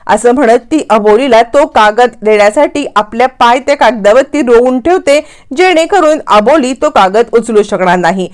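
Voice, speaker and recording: A woman's voice: a little high, lively intonation, moderate pace. A woman retelling a TV serial episode, acting out the characters' lines as she goes. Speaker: narrator.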